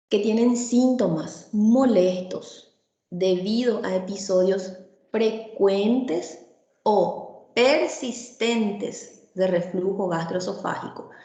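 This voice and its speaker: A woman's voice: mid-range voice, darkish tone, roomy sound. A woman giving a medical lecture, explaining step by step and ending almost every phrase with a checking "right?" or "yes?". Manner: tags nearly every phrase with "¿verdad?" or "¿sí?"; explanatory, speaks directly to the students.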